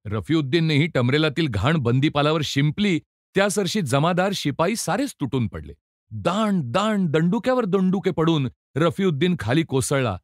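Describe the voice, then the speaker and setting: A male storyteller reading a novel aloud with a very lively, animated delivery and a slightly high voice. His narration is theatrical and expressive, and the sound is dry and close, with no room echo. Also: normal speed. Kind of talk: dramatic audiobook narration.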